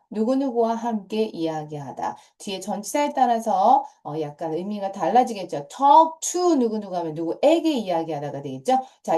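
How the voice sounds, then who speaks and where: A woman's voice: mid-range voice, dark tone. A middle-aged woman teaching English grammar to middle school students, patient and repetitive, often starting phrases with a short cue word. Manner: patient, repeats key points, starts phrases with "자".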